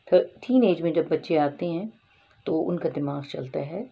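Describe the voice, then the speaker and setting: A woman with a low, gravelly, somewhat husky voice gives parenting advice. She mixes English words into her speech and explains patiently, often checking that listeners follow. The recording sounds dull and lo-fi. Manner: explains patiently, often asking "theek hai?". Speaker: parenting advisor.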